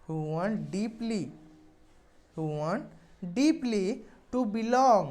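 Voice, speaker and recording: A woman's voice: medium pitch, darkish tone. A woman, explaining English exam questions in a casual lesson and checking in often with her students. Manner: conversational, checks in with "okay?" often.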